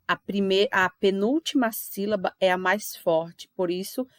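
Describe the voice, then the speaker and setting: A woman with a Brazilian accent leads an online English grammar lesson. She talks patiently and repeats every example slowly and clearly. Her voice sits at a middling pitch and sounds dry and close. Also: no echo. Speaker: English teacher.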